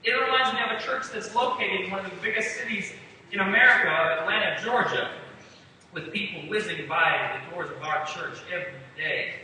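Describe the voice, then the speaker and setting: A man preaches a sermon, emphatic and casual as he puts scripture in everyday words. His voice is high and piercingly bright. He is picked up from a distance in a long-ringing church hall with faint ambience behind. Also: brisk, slight background noise. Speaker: pastor. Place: church sanctuary. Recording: echoey hall, from far off.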